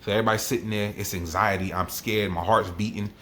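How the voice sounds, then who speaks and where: A man's voice: fairly low pitch, steady tone, fast, a bit bright, a little hiss or hum. A man telling a personal story as a vlogger, emotional and worked up, often repeating himself. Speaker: army NCO vlogger.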